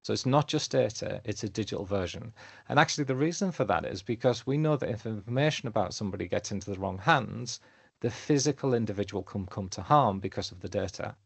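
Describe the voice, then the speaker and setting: Gravelly-voiced man presenting a webinar. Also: fairly low pitch, fast, no echo. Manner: lively, fond of analogies, asks the audience questions. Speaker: webinar presenter, council data lead.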